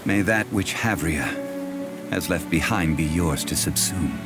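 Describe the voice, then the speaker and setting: A solemn, deep-voiced ancient god. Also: male voice, a little slow. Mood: solemn, elegiac. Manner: formal, stately, contemplative. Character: ancient male god in mortal guise, solemn, measured, reflective. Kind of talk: scripted dramatic game dialogue. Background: game music.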